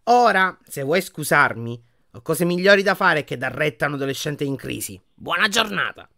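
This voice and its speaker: A man voicing a haughty, sneering old male wizard in a portrait, with a slow mocking drawl, for an audiobook. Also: on the high side, very animated, pushed and bright, no room sound, studio quality, pitched above the performer's own voice, exaggerated voice. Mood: bored. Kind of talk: audiobook character voice.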